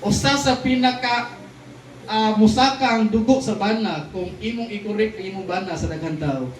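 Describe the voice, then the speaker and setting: A man preaching a sermon, lively, mixing English lines into his talk and often asking the crowd "di ba?" and "no?". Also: high voice, normal speed. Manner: switches between Cebuano and English lines. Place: church hall. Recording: echoey hall, distant mic, faint noise.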